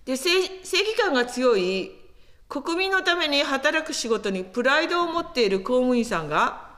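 A woman preaching a sermon in an animated storytelling manner, acting out quotes as she goes. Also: high voice, normal speed. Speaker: pastor.

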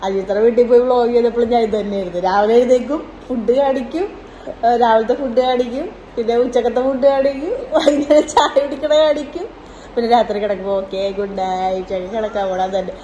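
A woman's voice: on the high side, fast talker, warm tone, slight background noise, poor audio. A woman with a Malayali accent chatting casually in a home vlog, coaxing a sleepy crying child in a sing-song way. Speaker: vlogger. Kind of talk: casual family vlog chat. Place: home in rainy evening.

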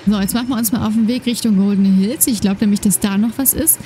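Playing a horse game for her YouTube channel, a woman chats casually and quickly in a medium-pitched, steady voice, using many fillers in her let's-play commentary. She has a slight lisp with soft trailing S sounds. The desk microphone, fitted with a noise gate, picks up a little hiss or hum alongside game music and horse hoofbeats.

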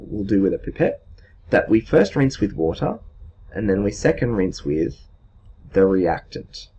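Male teacher, thirties, low voice, informal step-by-step explainer, dull recording with background noise. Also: a little mellow. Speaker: chemistry teacher, video host. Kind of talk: explanatory whiteboard lesson. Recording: muffled sound with clear background noise.

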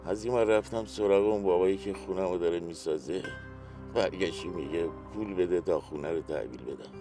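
A man's voice: low voice, over music, close to an everyday voice. An actor playing a weary, indebted man in a TV series, talking in a downcast, complaining way. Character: weary indebted middle-aged man, worn down. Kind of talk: TV series acting.

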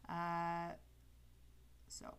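Speaking extremely slowly in a completely flat, lowish voice, this thirtysomething Canadian woman chats through a calligraphy livestream, rambling and self-correcting with light laughs. She's at her home desk studio indoors on a headset. The tone is a bit bright and clean.

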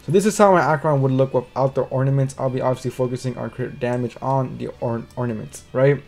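A man at an ordinary middle pitch talks through a video game in a loose, off-the-cuff way. He stammers over words as he thinks, swears casually, and keeps checking in with his listeners. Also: steady tone, fast talker, creaky, a little mellow, faint music behind. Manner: rambling, stuttering restarts, casual swearing, frequent "right?". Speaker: game commentary creator. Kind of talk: casual gaming commentary.

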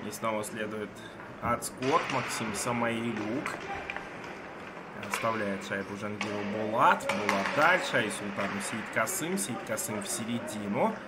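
A man's voice: on the low side, moderate pace, over loud music. A man giving live play-by-play ice hockey commentary in short, clipped phrases. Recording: noisy ice rink broadcast.

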